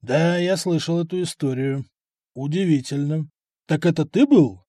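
A man's voice: a little high, lively intonation, moderate pace, dark tone, no echo, studio quality. A man voicing a proud, greedy middle-aged count who speaks arrogantly and indignantly.

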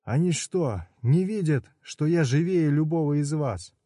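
Udo: man doing a shrill frantic man in agony. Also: very animated, slow, no echo, clean studio sound, heavily acted. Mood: frantic, yelling. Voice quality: shrill, yelling. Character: frantic man in burning pain, hot-tempered.

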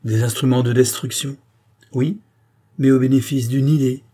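A man's voice: mid-range voice, steady tone, normal speed, warm tone, husky, close to an everyday voice. A man reading the part of a cold, scheming male occultist in an audiobook, with a sweeping, relentless oratorical delivery. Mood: grandiose.

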